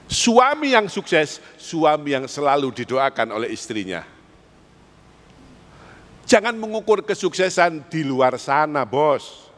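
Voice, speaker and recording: A man's voice: a little high, very animated, unhurried, pauses often. A man with an East Javanese accent preaching an Islamic sermon in a mosque, putting rhetorical questions to the congregation and pressing them for answers. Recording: echoey mosque hall.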